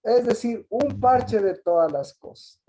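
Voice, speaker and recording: A woman giving a Sabbath Bible teaching, often asking her listeners questions, restarting phrases and clearing her throat. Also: a little high, animated, slow pace, mellow.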